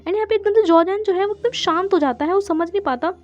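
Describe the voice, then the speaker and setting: A woman with a high, bright voice retells a drama's story in a casual, chatty way. She briefly quotes the characters' lines and leans on filler words as she goes. The recording is dull and lo-fi. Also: quick pace, faint music behind. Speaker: channel host retelling a drama.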